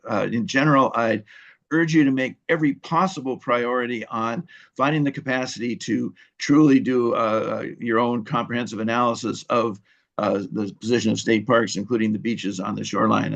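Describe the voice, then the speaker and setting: A man giving earnest public comment to a commission, pausing often with fillers as he urges action. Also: mid-range voice, gravelly, muffled recording. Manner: earnest, halting with many fillers. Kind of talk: public testimony.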